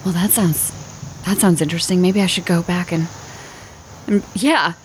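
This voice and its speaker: A woman telling an improvised comic story in a halting, dramatic way, often repeating phrases. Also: lowish voice, fairly even intonation, a little hiss or hum.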